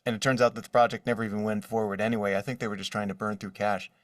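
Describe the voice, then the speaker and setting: A man with a voice on the low side races through casual answers about his job as a voice actor, keeping his intonation fairly even. He sits in a room with drawings behind him, and the studio-quality recording sounds roomy from a distant mic.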